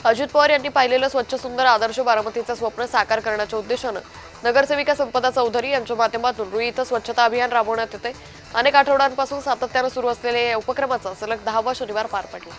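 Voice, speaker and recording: A woman reading a fast news bulletin as anchor, in a brisk, even headline delivery. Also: a little high, soft background music. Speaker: news reader.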